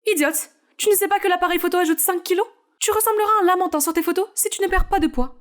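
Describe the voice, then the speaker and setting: A strict showbiz mother barks orders in a high, cutting voice, played by a woman. She is cold, bossy and dismissive, like a hard manager in an animated story. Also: quick pace. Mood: scolding.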